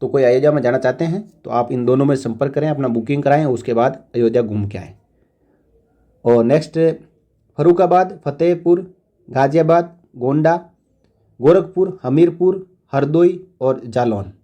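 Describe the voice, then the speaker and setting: A man hosting a channel, reading out a long list of place names at a steady pace and adding short asides in a casual tone. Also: medium pitch, moderate pace, highs cut off. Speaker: channel host.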